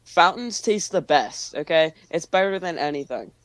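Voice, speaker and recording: American guy, defensive in casual chat, fairly high voice. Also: expressive, moderate pace, a bit bright, no echo. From United States. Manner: defensive, arguing his point.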